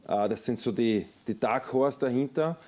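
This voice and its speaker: A man's voice: mid-range voice, normal speed, warm tone. A middle-aged man, discussing ski racing as a sports journalist in a TV studio, talking loosely with fillers and restarts. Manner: conversational, thinks aloud with filler sounds and repeats. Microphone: lapel mic.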